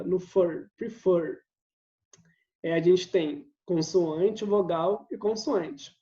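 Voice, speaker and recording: Mellow-voiced man teaching. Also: high-pitched. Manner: patient step-by-step explaining, checks in with "tá?". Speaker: English teacher. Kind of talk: recorded video lesson. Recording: roomy, slightly dull sound.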